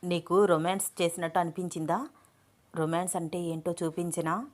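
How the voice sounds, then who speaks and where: A woman's voice: on the low side, steady tone, normal speed, darkish tone, natural voice. A woman reading a romance story aloud, voicing a playful young husband who teases his new wife affectionately. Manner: teasing, affectionate.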